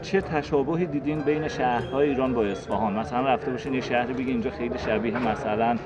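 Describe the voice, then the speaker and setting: A man in his forties hosting and interviewing in a conversational presenting style. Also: medium pitch. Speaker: TV travel show host, interviewer. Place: empty theatre auditorium with red seats. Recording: slightly muffled, music underneath.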